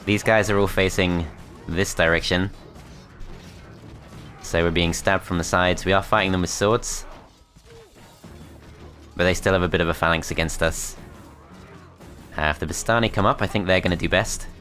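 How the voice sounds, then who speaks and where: A man's voice: sits low, steady tone, normal speed, pauses often, a bit bright, faint music behind. A man commentating his strategy game as he plays, thinking aloud in a tentative, self-critical way. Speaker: gameplay commentator.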